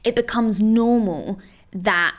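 A woman's voice: mid-range voice, slow pace. A woman dog trainer giving casual, encouraging advice, talking loosely with many "you know" and "like" fillers. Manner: reassuring, encouraging.

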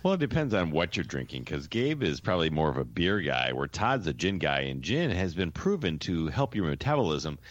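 A man's voice: extremely low pitch, very animated, fairly quick, hardly any pauses, no room sound, dull audio. A man co-hosting a podcast in casual, wry and playful banter. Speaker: podcast co-host. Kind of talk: casual joking chat.

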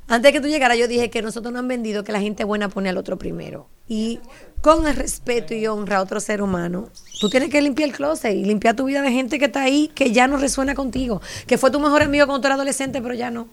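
A woman's voice: fairly high pitch, quick pace, creaky. A woman guest on a talk show, speaking emphatically and giving advice. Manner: emphatic, advising. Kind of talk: studio talk-show conversation.

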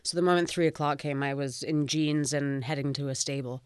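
A woman's voice: sits low, steady tone, brisk, clear, resonant tone, dry recording, clean studio sound. A young woman, a fashion designer guest speaking cheerfully and laughing easily. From Canada. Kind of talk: relaxed interview conversation.

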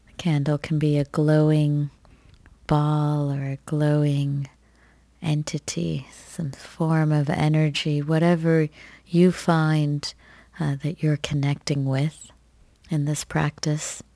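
Low, dark-voiced woman guiding a slow meditation. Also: level tone, no room sound. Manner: soft, gentle, soothing delivery with long pauses. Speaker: meditation guide.

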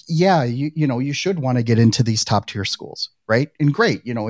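A man's voice: mid-range voice, darkish tone, no echo, studio quality. A middle-aged man hosting a podcast interview, chatting casually with lots of "you know" and "right". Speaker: podcast host. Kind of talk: conversational interview.

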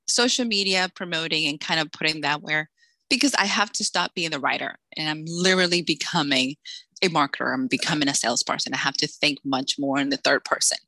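A woman's voice: fairly low pitch, dry recording. A woman from the Dominican Republic, an author interviewed in a casual chat, joking and acting out the voices of people in her stories. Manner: lively, joking, acts out quoted voices. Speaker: author guest.

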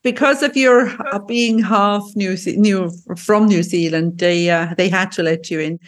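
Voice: mid-range voice, fairly even intonation, unhurried. An interview host who asks short questions and answers with brief affirmations. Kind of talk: casual interview.

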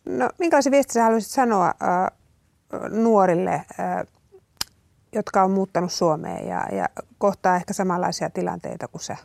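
Female interviewer with a creaky voice, halting questions, close dry mic. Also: medium pitch, darkish tone, no room sound. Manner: hesitant questions with fillers.

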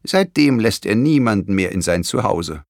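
A man voicing a kindly, caring older grandmother in a storybook reading, gentle and sighing. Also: on the low side, expressive, normal speed, creaky, no echo, studio quality. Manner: gentle, warm-hearted, sometimes sighing.

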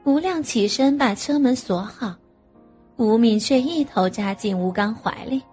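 A woman narrating an audio novel with a slow, even delivery. Her voice sits a little high and has a husky edge. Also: soft background music.

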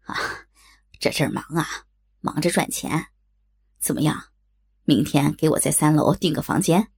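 Brief: gravelly, wheedling middle-aged man, low and husky, put on by a woman narrator. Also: moderate pace, darkish tone. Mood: friendly. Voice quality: raspy. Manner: wheedling, fawning. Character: hoarse pleading middle-aged male client.

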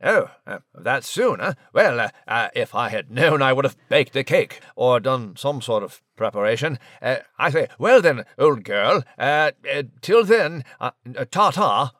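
An actor playing a stammering, polite gentleman mouse. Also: medium pitch, big pitch swings, measured pace, few pauses, no echo, clean studio sound. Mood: flustered. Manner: stammering, old-fashioned and polite. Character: fussy English gentleman mouse.

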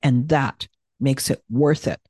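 A woman hosting a solo podcast, giving encouraging advice in a soothing way with slow, emphatic pauses. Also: very deep voice, warm tone, husky, no echo, clean studio sound. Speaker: podcast host and coach.

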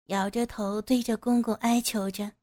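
A woman reading an audio story aloud with steady, even storytelling narration. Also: on the high side, normal speed.

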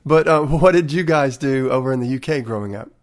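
A man's voice: mid-range voice, brisk. A man with a Southern accent from Tennessee, hosting a sales podcast and interviewing a guest. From Tennessee, USA. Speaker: podcast host.

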